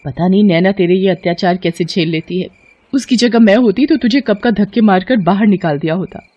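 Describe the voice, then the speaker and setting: A woman voicing a vain, spiteful young sister-in-law who talks in a shrill, haughty way in a cartoon story. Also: expressive, normal speed, a little mellow, dry recording, dull audio, close to an everyday voice. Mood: nasty.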